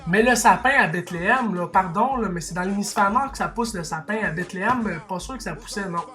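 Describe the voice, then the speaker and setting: With faint music behind him, a man from Quebec with a Québécois French accent rants to his viewers in a high, pushed, bright voice, talking a little fast. The vlogger argues passionately, restarting sentences and tossing in asides as he goes.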